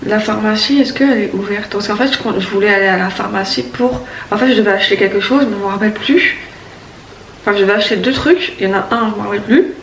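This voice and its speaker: A young woman from around Paris chats to camera at home with a sore throat, wandering off mid-sentence and restarting often. Her voice sits at an ordinary pitch and sounds distant from the mic. The room rings with echo under a faint background hum. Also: fast talker. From Paris region, France. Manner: rambling, hesitant, many restarts and fillers. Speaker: vlogger. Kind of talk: casual morning chat to camera. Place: at home, indoors.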